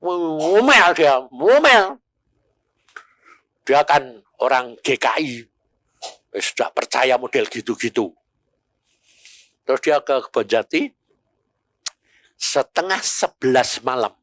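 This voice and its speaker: Older man, evangelist preacher, slow unhurried delivery, animated storytelling. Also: medium pitch, dry recording. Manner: animated storytelling, acting out quoted voices. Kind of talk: sermon with storytelling.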